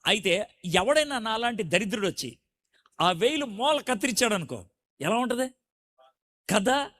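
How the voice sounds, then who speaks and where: A middle-aged man preaching a storytelling sermon, quizzing the audience and acting out the scenes with animated delivery. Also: high voice, moderate pace.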